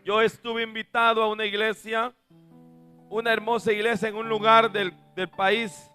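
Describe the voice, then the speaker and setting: A man preaching a sermon and telling stories from the pulpit, swinging from booming shouts to soft asides. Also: little pitch movement, normal speed, clear, resonant tone, faint music behind. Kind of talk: sermon with storytelling.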